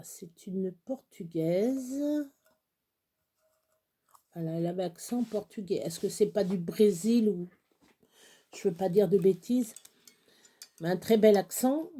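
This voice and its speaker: A woman chatting casually through a crafting tutorial, rambling and halting with many fillers, sometimes dropping to a whisper. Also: fairly low pitch, warm tone, breathy edge. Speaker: craft vlogger.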